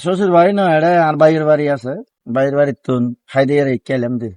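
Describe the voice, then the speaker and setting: Man, Chittagong Bengali accent, relaxed street chat, slightly high pitch, close dry sound. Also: fast, dry recording.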